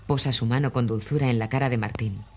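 A narrator reading scripted audio description for a film in an even, measured way. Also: medium pitch.

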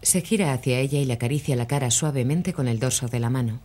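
A narrator reading scripted audio description for a film in an even, measured way. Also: mid-range voice.

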